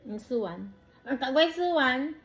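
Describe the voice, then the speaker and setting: A woman's voice: high-pitched, animated, a little slow, a bit bright. A woman caregiver telling stories in a chatty way, in short phrases and with frequent laughter, recorded on a phone. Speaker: caregiver and vlogger. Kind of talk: casual storytelling chat.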